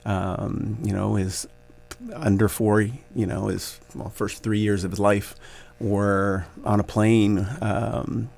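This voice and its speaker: A man in his forties, a basketball coach, speaking as a guest in a radio interview, thoughtful and grateful, laughing easily and pausing with many fillers. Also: on the low side, level tone, creaky, darkish tone, a little hiss or hum. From Canada.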